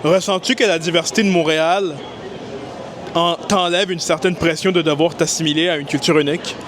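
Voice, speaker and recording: A man's voice: a little high, steady tone, a little fast, a crowd in the background. A young man, a student, interviewing classmates with eager questions and then giving scripted commentary.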